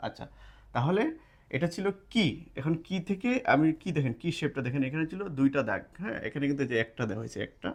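A language teacher gives a casual lesson at a board indoors, in a classroom or study room, explaining step by step and often checking in with his listeners. He speaks quickly in a mid-range voice with lively intonation, picked up by a camera mic as he writes.

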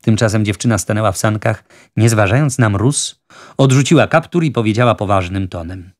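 A man narrating an adventure novel for an audiobook in a measured, even reading. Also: fairly low pitch. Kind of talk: scripted narration.

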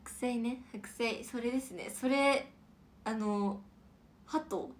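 A young woman chatting on a casual livestream and reading viewer comments aloud. Her somewhat high voice stays playful and rambling, and she often drops into soft whispered asides. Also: takes it slowly. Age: young adult.

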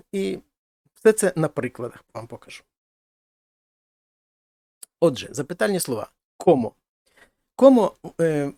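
A middle-aged male teacher explains a language lesson in a fairly high voice. He works through each point patiently and restates it in other words. The recording is close and dry. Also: darkish tone, no echo. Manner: explanatory, repeats and rephrases points. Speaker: Spanish teacher.

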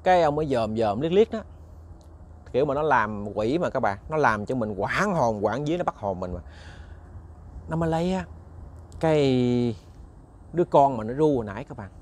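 A man hosting his channel relates a ghost story in a Southern Vietnamese accent, medium-pitched, animated, and a little fast, with frequent pauses. Casual and chatty, he speaks right to the audience and repeats words while searching for his next.

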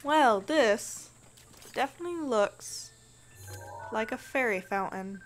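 A woman's voice: on the high side, lively intonation, slow, soft background music. A woman hosting a gameplay video, giving casual commentary in a chatty, playful way, thinking aloud as she plays.

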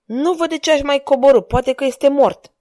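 A woman voicing a furious, desperate male courtier who bellows his curses slowly. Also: high-pitched, voice pushed up, lightly acted. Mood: raging. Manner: shouting curses, drawn out.

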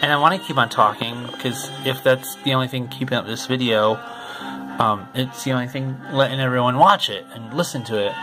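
A young man hosting his channel, chatting casually and haltingly at home while records play. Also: mid-range voice, low-quality recording. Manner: rambling, halting, with frequent restarts. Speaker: channel host. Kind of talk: casual commentary over vinyl record playback. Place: home room. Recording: music playing loudly behind the voice.

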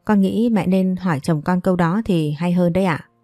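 A woman's voice: on the low side, moderate pace, no echo, lightly acted. A woman voicing a scornful, nagging older mother-in-law who complains theatrically. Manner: sharp and wailing, theatrical complaints.

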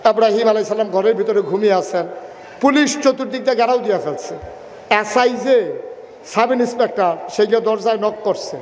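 A man preaching a humorous sermon, telling a story and calling out to the crowd, sometimes shouting. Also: sits high, fast, echoey room, big-room sound.

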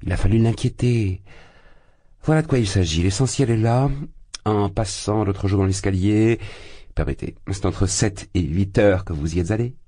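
A man voices a sly, affable middle-aged magistrate, sounding jovial and chatty with feigned good humor and bonhomie. His natural, lowish voice has a dark tone and is pushed up, moving at normal speed in a dry recording.

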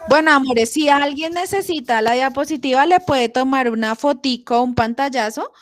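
A woman teaching English to young children on a video call, affectionate and slow in her pronunciation drills. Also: high-pitched. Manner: affectionate, calls pupils "amor". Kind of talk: online class for young children.

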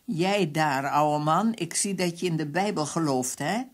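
A woman's voice: low-pitched, a little slow. A woman voicing a brutal male police captain who barks threats and orders. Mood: menacing. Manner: harsh, barking threats.

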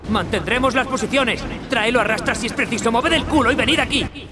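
A man's voice: extremely high pitch, a little fast. A man playing a brusque, capable soldier in an action game, with a Castilian Spanish accent. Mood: urgent. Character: brusque, capable soldier, captain's second in command. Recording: loud gunfire and battle noise.

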